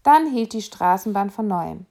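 A woman narrating a children's novel aloud in a steady, expressive storytelling manner. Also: medium pitch, normal speed, gravelly. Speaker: reader.

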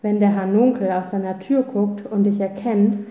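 A woman's voice: mid-range voice, steady tone, normal speed, natural voice. A woman reading a storybook and voicing a brash, argumentative city boy. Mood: arguing. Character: cheeky boy from the city streets. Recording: roomy, tinny phone-like sound.

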